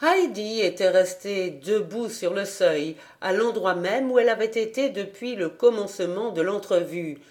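A woman reading a novel aloud as an audiobook, in a measured, even storytelling manner. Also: mid-range voice. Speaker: audiobook reader. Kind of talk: read-aloud novel narration.

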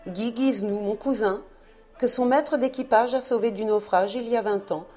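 A woman's voice: a little high, moderate pace, dark tone, faint music behind, close to an everyday voice. A woman voicing a proud young peasant daughter. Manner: earnest, pleading.

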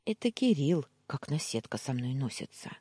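A chatty, conspiratorial young woman friend, expecting a baby, who keeps dropping into a confiding hush, as a woman narrator puts her on. Her voice sounds husky and mellow, with a lively lilt, and it is recorded close and dry, like a studio audiobook. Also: very deep voice, moderate pace, dry recording, exaggerated voice. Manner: conspiratorial, often whispering. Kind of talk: audiobook character voice.

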